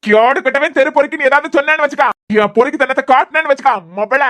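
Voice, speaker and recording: A woman's voice: sits high, racing, no room sound. A woman with a Kanyakumari Tamil accent voicing a hot-headed, threatening young male college student in a cartoon series. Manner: threatening, shouting insults. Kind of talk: cartoon web series voice acting.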